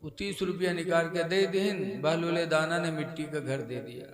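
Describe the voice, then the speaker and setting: A male preacher who tells stories in an animated, sing-song sermon style at a religious gathering. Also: fairly high pitch, normal speed. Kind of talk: sermon storytelling. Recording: echoey hall with loud music.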